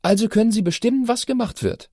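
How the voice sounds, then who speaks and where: A man's voice: high voice, fast talker, dark tone, dry recording, clean studio sound, pitched above the performer's own voice. A man doing an insistent teenage girl. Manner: insistent questioning. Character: persistent teenage girl, curious and argumentative. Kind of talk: audiobook character voice.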